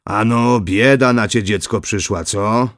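A man's voice: fairly low pitch, unhurried, no room sound, studio quality, lightly acted. A man doing a kindly fatherly old prince. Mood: benevolent. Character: older kindly prince, fatherly and gently teasing.

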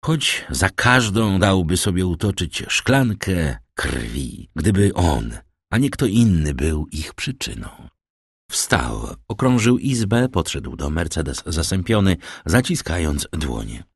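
Deep-voiced husky male narrator. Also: very animated, takes it slowly, no echo, clean studio sound. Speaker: audiobook narrator. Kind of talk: scripted narration.

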